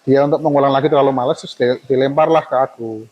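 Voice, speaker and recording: A man in his forties, speaking at a middle pitch, shares his career story in an easygoing way. He laughs often and slips casually into Javanese phrases, like a guest at a small forum. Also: fairly even intonation, quick pace, dull audio. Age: 40s. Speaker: architect guest.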